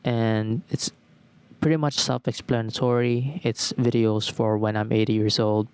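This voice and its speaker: Young male podcaster, mid-pitched, thoughtful solo monologue with phrases stacked in lists. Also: level tone, a little slow, darkish tone, clear, resonant tone, no room sound. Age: 20s. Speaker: podcast host. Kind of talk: reflective solo talk.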